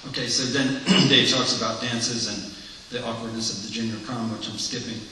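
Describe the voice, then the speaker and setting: A man's voice: medium pitch, level tone, normal speed, sharp tone, a little hiss or hum. A man reading a play script aloud, giving plain, matter-of-fact stage directions and asides, heard in an echoey hall from far off. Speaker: reader of a play.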